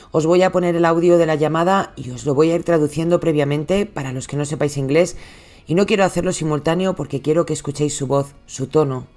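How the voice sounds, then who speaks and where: A true crime host with a Spain Spanish accent giving a scripted narration, dropping the voice low on tense details. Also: a little mellow.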